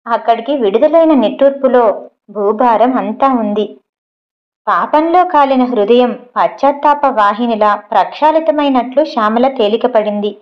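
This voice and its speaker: Woman narrating a story on a lo-fi recording. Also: on the high side. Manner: measured, steady storytelling. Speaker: audiobook narrator. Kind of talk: reading a short story aloud. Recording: dull lo-fi recording.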